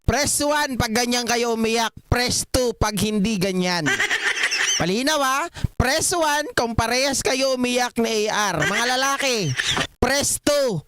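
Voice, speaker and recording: A man's voice: extremely high pitch, measured pace. A man from the Philippines doing casual live commentary over clips, teasing and mocking with frequent laughter. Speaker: livestream political commentator. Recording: loud background noise.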